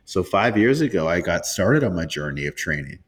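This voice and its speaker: A man in his twenties co-hosting a podcast, chatting casually about sports with relaxed, halting restarts. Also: low voice, slightly rough. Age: 20s. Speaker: podcast co-host.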